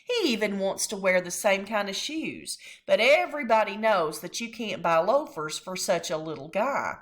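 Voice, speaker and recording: A woman reading a children's chapter book aloud, expressive and storytelling. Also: mid-range voice, moderate pace.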